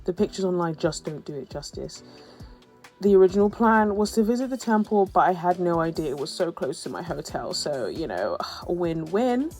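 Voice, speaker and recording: A woman's voice: on the low side, sing-song, normal speed, a little mellow, soft background music. A woman narrating her travel vlog as a voice-over, telling her story in a chatty, humorous way with playful asides. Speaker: travel vlogger.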